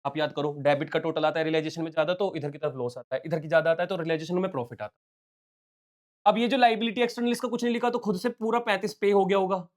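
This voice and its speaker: A man with a high voice teaches accounts on a live stream. He works the numbers aloud step by step and mixes English terms into his talk. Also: fast. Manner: explains step by step, calls viewers "beta" and "bachche". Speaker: commerce teacher. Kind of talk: solving exam questions on a live stream.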